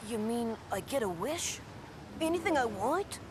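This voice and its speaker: A woman's voice: on the high side, sing-song, a little slow, noisy background. A woman doing an earnest young reindeer boy.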